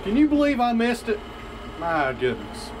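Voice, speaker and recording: A man's voice: very high-pitched, huge pitch swings, moderate pace. A man chatting to viewers in a folksy way as he works outdoors on a farm. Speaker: channel host. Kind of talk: casual vlog narration while working. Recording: outdoor camera audio with loud machinery noise.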